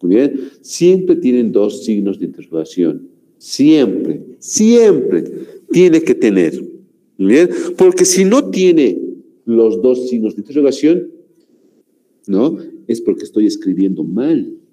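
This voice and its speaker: A man from Bolivia teaching a grammar class, speaking slowly and repeating himself, forever checking in with "¿no?" and "muy bien". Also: mid-range voice, very animated, dark tone, low-quality recording. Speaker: language teacher.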